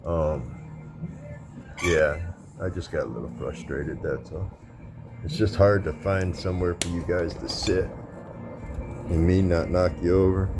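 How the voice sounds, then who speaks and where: A deep-voiced vlogger rambles to his viewers while working on his car engine in a garage or driveway, often apologizing about the camera. He talks unhurriedly with frequent pauses, music plays in the background, and the audio comes from a phone camera set near him for this casual DIY repair vlog.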